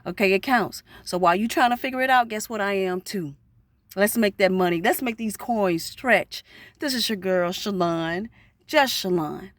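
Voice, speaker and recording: A woman, vlogging casually and rushing through encouraging, preachy talk to her viewers. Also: medium pitch, no room sound. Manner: rushed, fast-talking, preachy encouragement.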